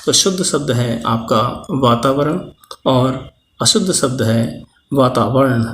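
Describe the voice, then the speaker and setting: A man teaching a Hindi spelling lesson, going slowly through pairs of correct and incorrect words. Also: mid-range voice, a bit bright. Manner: slow, methodical, lists correct and incorrect words in turn. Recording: echoey room with faint ambient noise.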